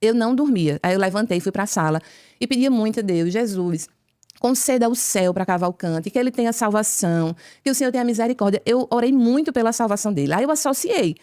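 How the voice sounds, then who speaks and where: Fast-talking Brazilian woman telling her story. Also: a little high, no echo, clean studio sound. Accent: Brazilian Portuguese. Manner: lively storyteller who acts out dialogue. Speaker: podcast guest. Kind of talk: conversion testimony told as a story.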